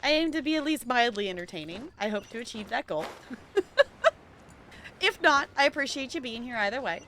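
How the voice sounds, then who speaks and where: A woman's voice: a little high, animated, brisk, a bit bright, a little hiss or hum. A woman streaming a game with casual, chatty commentary, giggly and thinking aloud.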